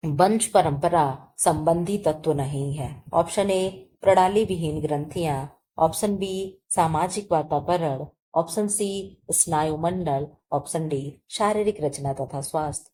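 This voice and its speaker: A woman's voice: low-pitched, mellow, a little hiss or hum. A woman teacher reading multiple-choice exam questions aloud and answering them, checking in often with her students. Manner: reads options slowly, repeats "ठीक है" often. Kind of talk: exam-prep lesson reading quiz questions. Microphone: phone recording, voice-over of book photos.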